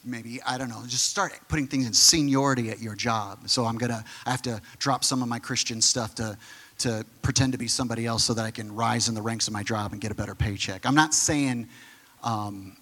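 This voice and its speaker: A man preaching a sermon in a lively, conversational way, with quick asides. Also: medium pitch, big-room sound.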